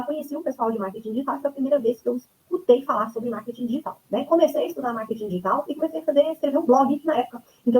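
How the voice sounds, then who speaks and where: A woman's voice: fairly high pitch, darkish tone, low-quality recording. A woman in her thirties with a Brazilian accent, presenting her online course as a chatty instructor who keeps checking in with her listeners. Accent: Brazilian Portuguese. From Brazil (Goiânia). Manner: chatty, leans on tags like "né?" and "tá?". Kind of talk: webinar presentation.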